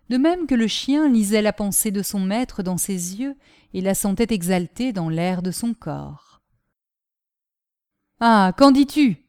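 A woman reading a classic novel aloud in a measured, clear narration. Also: mid-range voice, dark tone, dry recording, studio quality. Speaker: audiobook narrator.

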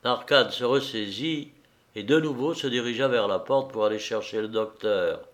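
A man narrating a literary story in a measured, dramatic reading. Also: medium pitch, fairly bright tone. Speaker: audiobook narrator.

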